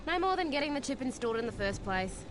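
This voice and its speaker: A woman's voice: sits high, big pitch swings, quick pace, background noise. A woman playing a brash, cagey young tech tinkerer in a video game, with a sarcastic, cheeky, slangy delivery. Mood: brisk, bossy.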